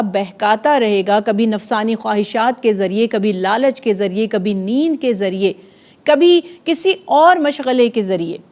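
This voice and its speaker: A woman giving an earnest, measured religious talk on a TV program, building her points through lists of repeated phrases. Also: fairly high pitch, a little mellow.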